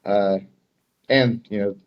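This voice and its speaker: Slow and steady, an American man from Dayton, Ohio talks in a lowish voice over lo-fi sound. He works as an air traffic controller and chats casually as a podcast guest, relaxed and plain-spoken, with loose phrasing.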